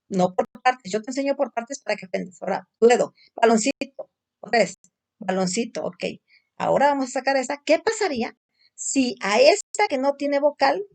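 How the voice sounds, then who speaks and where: A woman giving a phonics lesson to a young child at home, sounding out letters slowly and patiently coaxing the child to repeat. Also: fairly high pitch, creaky, a little mellow. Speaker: teacher.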